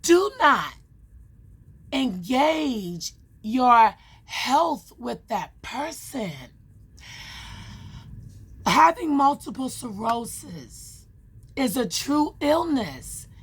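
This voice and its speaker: Very slow-speaking, earnest woman vlogger. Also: sits high, very animated, breathy edge. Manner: earnest, emphatic, with long pauses between phrases. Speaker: vlogger sharing her experience. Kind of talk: personal advice monologue.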